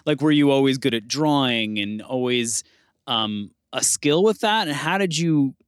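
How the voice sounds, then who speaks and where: A man's voice: medium pitch, animated, clean tone, no echo. Hesitant male podcast host, dry sound. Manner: halting, many fillers and restarts. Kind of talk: casual interview chat with scripted intro.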